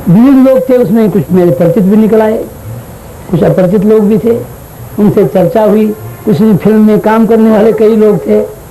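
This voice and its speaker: High-voiced, mellow man giving a religious discourse. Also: normal speed, a little hiss or hum, poor audio. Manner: storytelling with acted dialogue and chanted Sanskrit.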